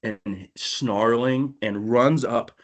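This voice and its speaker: A man hosts a casual hunting podcast and spins a lively story. He talks at a medium pitch, laughs often, and acts out the quoted lines. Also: drawn-out words. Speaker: podcast host.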